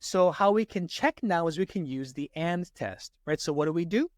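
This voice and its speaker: A man with a highish, animated voice explains SAT grammar at a moderate pace, speaking directly to viewers and constantly asking "right?" The recording is dry and clean, with studio sound.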